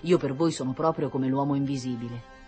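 A woman voicing a kindly, lonely retired old man on a bench, speaking gently and modestly. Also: very deep voice, steady tone, a little fast, over music. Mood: gentle. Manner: gentle, self-deprecating.

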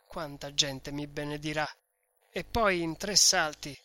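A man's voice: on the high side, a little slow, dry recording. A man voicing a furious, vengeful young man. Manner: shouting, heated outbursts. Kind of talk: read-aloud novel dialogue.

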